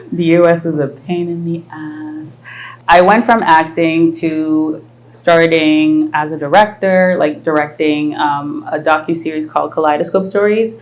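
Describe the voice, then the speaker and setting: A woman in her thirties from France hosts a live podcast in front of an audience. Her voice sits low, and she talks in a reflective, searching way, often pausing on fillers as she thinks. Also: steady tone, a little mellow, slight background noise. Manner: reflective, thoughtful, many fillers. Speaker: podcast host. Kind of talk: casual live podcast conversation. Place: live event venue with audience.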